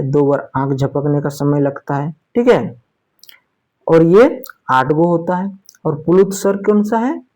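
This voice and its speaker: A Sanskrit teacher gives a spoken grammar lesson. The teacher often asks a question and then answers it, keeps checking in with "theek hai", and draws out example sounds slowly. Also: mid-range voice, a little mellow.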